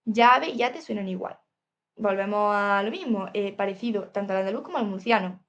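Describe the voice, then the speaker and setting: A woman's voice: mid-range voice, normal speed, fairly bright tone. A woman with a Spain Spanish accent gives a lecture from slides, reading steadily and adding "eh" and "¿vale?" asides. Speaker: teacher presenting a topic.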